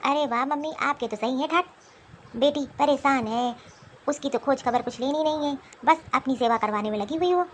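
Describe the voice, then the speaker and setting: A woman voicing a dramatic, complaining young married daughter in an animated cartoon. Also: sits high, normal speed, slight background noise, lightly acted.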